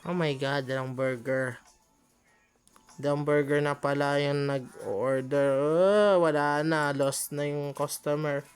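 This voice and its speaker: A woman's voice: low-pitched, fairly even intonation, measured pace, smooth, soft background music. A woman giving chatty gameplay commentary, often exclaiming and laughing at her own mistakes. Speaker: gaming channel host.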